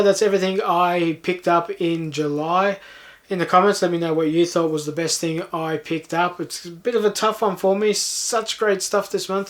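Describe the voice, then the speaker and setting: A man hosting a game collecting video, chatting casually in an understated, unscripted way. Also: high-pitched. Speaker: host of game collecting channel. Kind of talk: casual chat to viewers.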